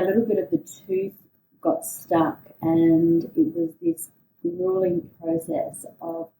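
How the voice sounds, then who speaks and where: Slow, very creaky woman, mellow and reflective. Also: on the high side. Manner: hesitant, reflective, with pauses mid-phrase. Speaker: podcast host telling a personal story. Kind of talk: unscripted personal monologue. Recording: roomy echo, distant mic, faint noise.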